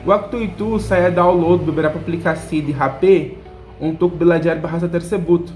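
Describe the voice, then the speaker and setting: A man's voice: fairly high pitch, fairly even intonation, moderate pace, a little mellow, faint music behind. A young man from Brazil with a Brazilian Portuguese accent tells a casual story as a vlog host, speaking as a foreigner in a learned second language with simple, repetitive phrasing. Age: young adult.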